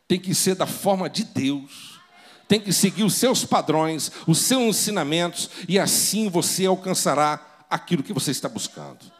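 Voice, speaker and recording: A man's voice: high-pitched, expressive, moderate pace, slightly rough. A man preaching a sermon as pastor, dramatic and full of rhetorical questions.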